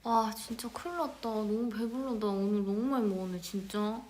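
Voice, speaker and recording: A woman chatting casually with viewers on a live stream, playful and giggly, often dropping into a soft whisper. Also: mid-range voice, normal speed.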